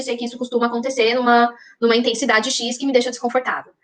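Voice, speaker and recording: A Brazilian-accented woman lectures on psychology with a quick pace and a slightly high voice. She explains patiently and keeps checking in with her listeners. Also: fairly bright tone. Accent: Brazilian Portuguese. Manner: explanatory, addresses the audience with frequent check-ins. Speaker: psychologist teaching a class. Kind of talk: online lecture.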